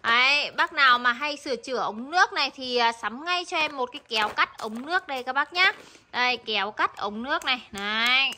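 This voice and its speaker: High, bright woman doing a hard-sell pitch. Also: lively intonation, fairly quick. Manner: insistent, repetitive, urging buyers with prices and deals. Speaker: live sales host selling discount tools and gadgets. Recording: noisy background hum.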